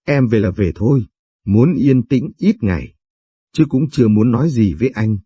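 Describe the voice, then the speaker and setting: A man voicing a hurt, weary wife who calmly asks for time alone in a told story. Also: mid-range voice, moderate pace, slightly rough, no echo. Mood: withdrawn.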